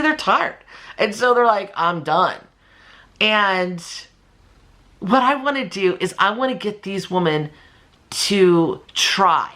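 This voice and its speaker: A woman in her fifties with a lowish voice hosts a motivational vlog channel, speaking casually and candidly. She's animated and emphatic, often acting out imagined remarks in a conversational way.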